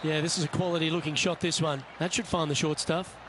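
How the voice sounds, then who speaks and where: A man playing a composed golf commentator in a video game, calling play in measured, understated short phrases. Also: a little high, steady tone, background noise, lightly acted. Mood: composed, approving. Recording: loud music and crowd behind. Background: music, outdoor crowd ambience.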